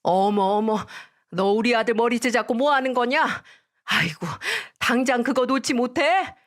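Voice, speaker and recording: A woman's voice: fairly high pitch, lively intonation, moderate pace, fairly bright tone, voice pushed up. A woman voicing a greedy, scolding older mother-in-law in a dramatized story reading. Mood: shrill alarm. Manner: scolding, indignant.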